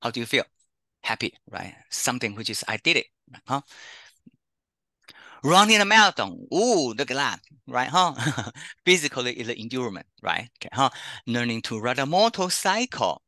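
This middle-aged man from Taiwan speaks with a Taiwanese accent, Chinese being his native tongue, and presents an online career workshop as a counselor via video call. His mid-range voice has a sing-song lilt, a bright, forceful tone and normal speed, with no echo. In a chatty way, he often tacks on "okay, huh?"

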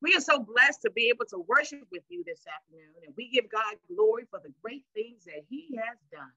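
A woman's voice: fairly high pitch, expressive, brisk, sharp tone, no room sound. Woman pastor, sermon, scripture reading, stretched words, dull dry sound. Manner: call-and-response preaching, stretches words for emphasis. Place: church sanctuary.

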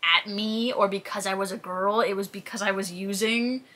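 Seated in a small, bare room, this woman in her 20s chats to camera as a fitness creator, fielding viewer questions and playing out the stories she tells. She speaks at a moderate pace in a medium pitch, her delivery fairly even, pushed and bright.

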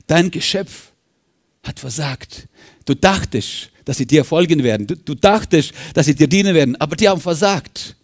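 A man's voice: animated, normal speed. A man putting on a sneering Satan. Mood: scornful. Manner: low, sneering, hushed taunting. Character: mocking, scornful Satan taunting Jesus.

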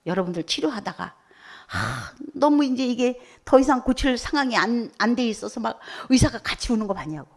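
A woman's voice: fairly high pitch, very animated, fairly quick, gravelly. A woman preaching a sermon at a church service, firing questions at the congregation and breaking out with hallelujahs. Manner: asks the congregation questions and waits for replies; bursts out with hallelujah.

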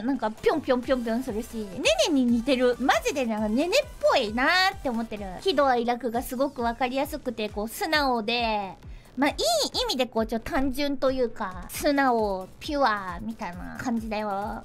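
A woman VTuber streamer in casual livestream chat, animated and giggly, acting out other people's lines as she tells stories. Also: high voice.

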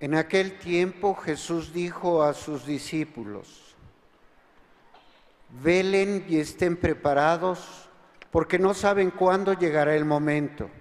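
A man, a priest, reading the Gospel at Mass in a slow, measured liturgical way, with a cathedral echo behind his voice. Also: on the high side. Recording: long reverb of a large church.

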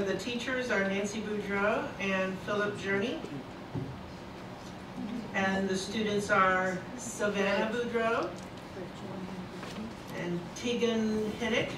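Woman announcing names in an echoey hall. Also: medium pitch. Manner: halting, reads names slowly with pauses. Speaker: presenter of art awards. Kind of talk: announcing names at a public meeting. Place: large indoor board meeting room. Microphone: far room camera. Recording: echoey hall, distant camera, room noise.

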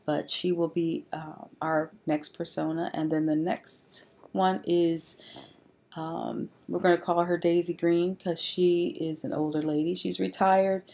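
A woman's voice: low voice, vocal fry, darkish tone. A woman narrating a slide presentation in an informal way, with frequent fillers and restarts. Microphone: voice-over on slides.

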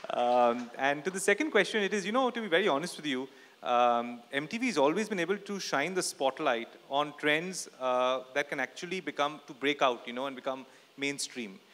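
A man's voice: on the high side, lively intonation, fairly quick, fairly bright tone. A man in his forties with an Indian accent, answering at a press conference in English mixed with Hindi phrases. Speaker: TV channel executive on a press panel. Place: indoor stage at a press event. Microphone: handheld microphone. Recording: echoey hall over PA.

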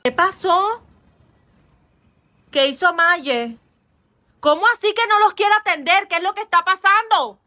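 A woman's voice: very high voice, expressive, measured pace, long pauses, full character voice. A woman playing an angry mother who scolds her children's nanny in an amateur skit. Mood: worried. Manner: scolding, shouting. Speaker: employer of the nanny.

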